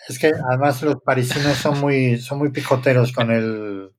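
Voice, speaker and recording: A man's voice: mid-range voice, moderate pace, a little hiss or hum. A man who is a scientist co-hosting a podcast, explaining things with examples in casual chat.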